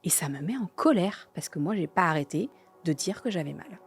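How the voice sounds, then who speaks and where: Candid woman, low-pitched and halting. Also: lively intonation, breathy edge, faint music behind. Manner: candid, halting with many fillers, drops to near-whispers. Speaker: interviewee telling her story. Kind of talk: personal testimony.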